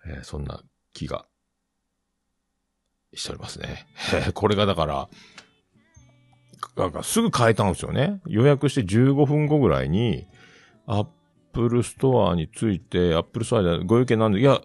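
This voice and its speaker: Low-voiced guy with a rambling on his podcast, voice jumps all over, dry close mic. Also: sing-song, measured pace, vocal fry, pauses often, a little mellow, husky, no room sound. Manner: rambling storyteller, acts out quoted voices. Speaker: podcast host. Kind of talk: casual solo chat.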